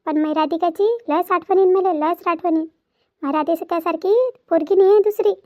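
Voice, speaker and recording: A woman's voice: very high-pitched, normal speed, dark tone. A woman voicing a worried, scolding village mother in a cartoon family drama. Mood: fretful. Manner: fretful, scolding motherly talk.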